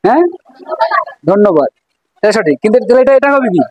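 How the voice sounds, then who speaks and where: A woman's voice: mid-range voice, sing-song, brisk, darkish tone, low-quality recording. A woman teacher with a Bangladeshi Bengali accent, leading a classroom math lesson, asking questions and repeating answers.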